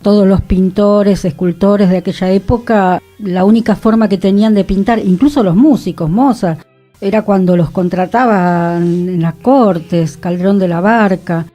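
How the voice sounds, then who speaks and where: Here the co-host's mid-range voice has a dark tone, moving at an ordinary speed over faint background music. She is in the studio of a cultural radio talk show, musing conversationally and laughing from time to time.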